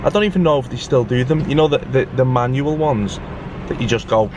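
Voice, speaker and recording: Talking fairly quickly at medium pitch over a noisy background, this young vlogger from England rambles casually to camera. He's self-mocking and chatty, and a trace of his recent flu lingers in his voice as he recovers.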